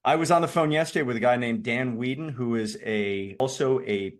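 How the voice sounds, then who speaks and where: A man's voice: mid-range voice, fairly quick. A congested man with a rattly chest-cold voice hosts a casual online meeting, jokey and rambling. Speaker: host of an online community meeting.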